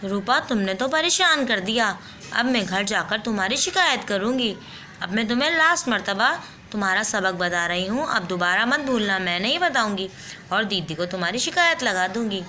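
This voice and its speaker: A woman's voice: mid-range voice, expressive, moderate pace, bright, forceful tone, faint music behind. A woman voicing a bossy little girl in a doll play story who scolds and threatens to tell on her friend.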